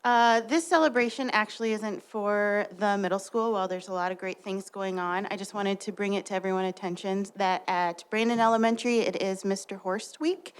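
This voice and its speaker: Woman board member, mid-pitched, warm and chatty, public meeting. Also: steady tone, fairly quick, hardly any pauses, slight background noise.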